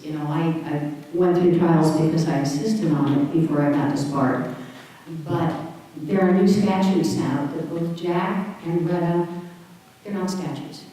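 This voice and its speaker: Older female moderator, low mellow voice, far from the mic with a long hall echo. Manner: earnest, loose, rambling. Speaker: panel moderator. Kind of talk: panel introduction. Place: conference hall. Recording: echoey hall, distant mic.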